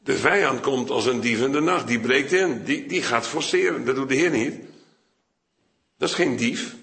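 An older man gives a sermon in a conversational, rambling way. His voice has a gravelly grain and a bright edge. The room around him rings with echo. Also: moderate pace. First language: Dutch. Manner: conversational, digressive, with sudden high-pitched acted quotes. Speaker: preacher. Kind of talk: Bible sermon.

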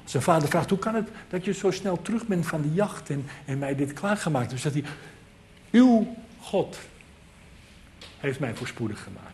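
A man's voice: on the high side, expressive, normal speed, pauses often, a little mellow, slight background noise. A man preaching a sermon, earnest and emphatic, repeating key phrases for weight.

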